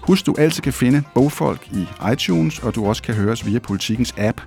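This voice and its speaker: A male podcast host making a chatty announcement in a lively way, with faint music behind. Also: medium pitch, creaky.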